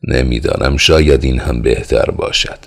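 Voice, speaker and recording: A man reading the lines of a brooding young man, slow and doubtful, in an audiobook. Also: rumbling low, steady tone, gravelly, fairly bright tone, breathy edge, exaggerated voice. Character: young man, brooding and hesitant about marriage.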